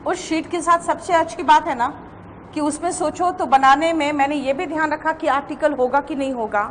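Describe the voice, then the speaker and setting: A woman with an Indian accent teaching English grammar to a class, dictating notes slowly and repeating phrases. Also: high-pitched, fairly even intonation, big-room sound, slight background noise. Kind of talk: classroom lecture in Hindi and English.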